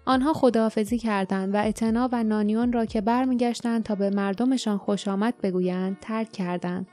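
A woman narrating an audiobook in a measured, even storytelling manner. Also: mid-range voice, soft background music.

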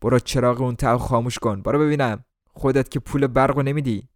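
A man voicing a gruff, greedy middle-aged café owner who gives orders in a crude, bossy way. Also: medium pitch, steady tone, no room sound, clean studio sound, lightly acted. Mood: irritated.

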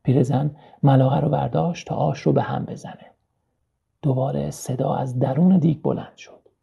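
Male storyteller, children's book narration, gravelly, husky, dull lo-fi sound. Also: medium pitch, fairly even intonation, mellow. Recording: dull lo-fi recording.

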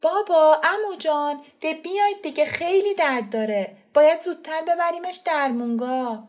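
A woman's voice: high-pitched, a little mellow, pitched above the performer's own voice, lightly acted. A woman voicing an urgent young woman in an audiobook, calling out and pressing others to hurry.

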